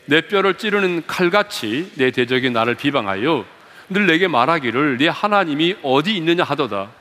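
High-voiced male pastor preaching in a big reverberant hall. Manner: asks the congregation questions and leads them in reading aloud; wide swings in pitch and loudness, drops low for emphasis. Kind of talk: sermon. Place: church sanctuary.

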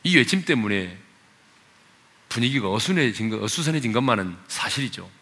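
A male pastor preaching a sermon with passion, climbing to loud appeals, then dropping to quiet asides and questions for the congregation. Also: mid-range voice, expressive, fairly quick. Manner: asks the congregation questions and leads them in reading.

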